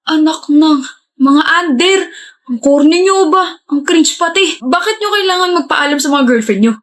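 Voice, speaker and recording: Casting: babae bilang mayabang at nanunuyang binata, medyo mataas ang boses. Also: female voice, fairly high pitch, fairly quick, close to an everyday voice. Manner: sneering, scoffing. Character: mocking young man who scorns girlfriends. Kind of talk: skit role-play.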